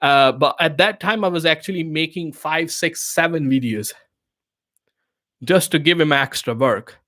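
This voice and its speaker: A native Urdu speaker hosting a live question-and-answer stream speaks in a fairly high, bright and forceful voice at a measured pace. His casual business advice comes in loose, non-native English, conversational and heavy with fillers and restarts, with repeated checks of "you know what I mean".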